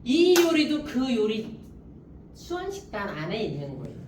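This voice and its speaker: Middle-aged woman professor, higher voice with bouncy animated pitch, joking lecture style. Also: unhurried, a little hiss or hum. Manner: lively, joking, laughs often. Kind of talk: humorous lecture storytelling. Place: lecture hall. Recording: roomy hall, mic from a distance.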